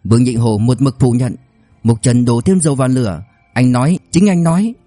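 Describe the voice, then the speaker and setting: A man narrating a novel as an audiobook in a brisk storytelling manner. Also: mid-range voice, warm tone, dry recording, soft background music.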